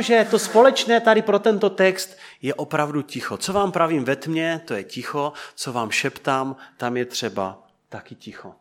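Guy preaching, slightly high voice, asks the congregation stuff, drops quiet at line ends. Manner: questions the congregation, trails off soft and quiet. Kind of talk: interactive sermon.

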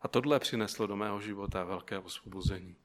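A man preaching a sermon who keeps asking the listeners rhetorical questions and tells them an illustrative story. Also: fairly low pitch.

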